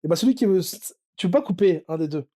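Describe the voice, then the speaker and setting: Mellow, slightly high-voiced French man. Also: lively intonation, quick pace. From France. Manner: easygoing, agreeing, joking storyteller. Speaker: podcast guest. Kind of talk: casual podcast conversation.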